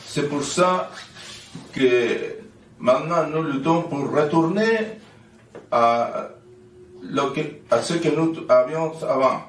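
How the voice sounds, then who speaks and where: A man in his seventies from Chile, a native Spanish speaker, gives a political speech in French with a Chilean Spanish foreign accent, halting and searching for words. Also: on the high side, expressive. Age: 70s. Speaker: speaker, NGO president. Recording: distant mic, roomy echo, faint noise.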